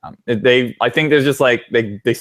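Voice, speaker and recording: Halting young man on a video call. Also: medium pitch. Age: 20s. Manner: halting, restarts, relaxed. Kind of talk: casual chat.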